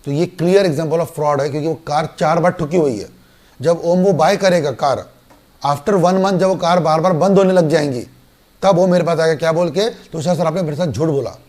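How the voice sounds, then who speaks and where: An Indian man teaches law to an online class at a moderate pace, his voice sitting slightly higher than most men's. He's animated, often slipping into little scenes where he plays both himself and his students.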